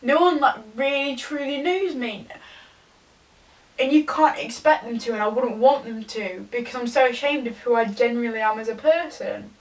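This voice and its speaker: A young woman, tipsy, giving a rambling, halting confessional rant to a camera some distance away. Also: a little high. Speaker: vlogger. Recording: distant from the mic.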